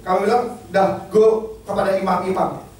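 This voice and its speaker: A man preaching to a congregation with a very high, animated voice, lively and conversational, often putting questions to the room. He is heard from some distance in a strongly echoing church hall. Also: normal speed, a little hiss or hum. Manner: animated, asks the congregation questions and leads group reading. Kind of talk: sermon mixing Indonesian and English. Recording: echoey hall, mic at a distance.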